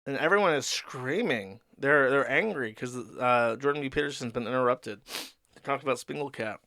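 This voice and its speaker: A man's voice: mid-range voice, normal speed, sharp tone, dry recording, studio quality. A man hosting a stream, casually reading a comic aloud and mocking it with sarcastic, profane commentary. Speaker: streamer host.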